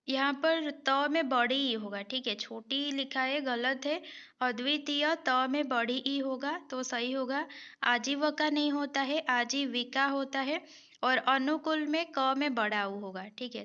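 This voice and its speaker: A woman's voice: high-pitched, sharp tone, highs cut off. A woman teaching a Hindi spelling exam-prep lesson, going methodically through multiple-choice questions, repeating each word and checking with her students.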